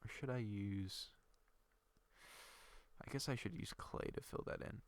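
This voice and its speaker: In an unhurried voice on the low side, a young gaming creator with a cold and a blocked nose chats casually about his game, rambling, thinking aloud, and leaning on fillers.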